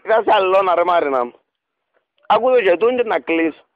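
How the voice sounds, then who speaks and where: A man's high voice, lively in intonation, carries a Cypriot Greek accent as he makes a radio prank call, pleading and rambling dramatically with cooing pet names. The dull radio recording has no room sound.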